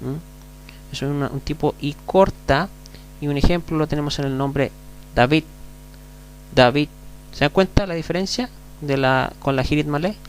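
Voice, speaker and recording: A man's voice: on the high side, normal speed. A man with a Chilean accent teaching a class, patiently repeating words and checking in with the listeners. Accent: Chilean Spanish. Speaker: Hebrew teacher. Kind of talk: classroom lecture. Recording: gravelly voice over faint mains hum.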